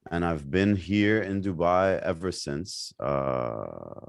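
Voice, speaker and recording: Podcast guest: young man from Lebanon, very low voice, loose chatty delivery full of fillers. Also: lively intonation, slow, creaky, smooth, dry recording, studio quality. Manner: rambling, many fillers and restarts. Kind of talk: casual interview chat.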